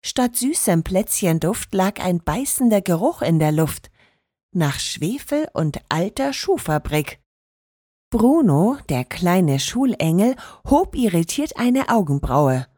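A woman narrating a children's story in an expressive, lively storytelling manner. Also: mid-range voice, dry recording, studio quality.

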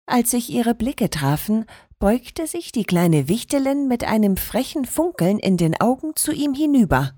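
A woman narrating a children's story in an expressive, lively storytelling manner. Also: a little high, measured pace, few pauses, dry recording, studio quality.

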